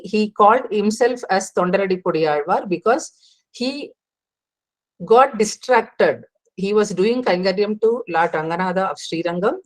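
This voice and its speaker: A woman, explaining devotional texts in a class, pausing and restarting as she goes. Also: mid-range voice, darkish tone. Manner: explanatory, with frequent pauses and restarts. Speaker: religious teacher.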